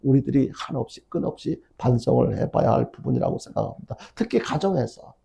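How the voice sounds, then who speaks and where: Middle-aged male pastor, gravelly dark voice, preaches through a story, acting out its dialogue. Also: medium pitch, animated, fairly quick. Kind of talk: sermon. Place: church sanctuary.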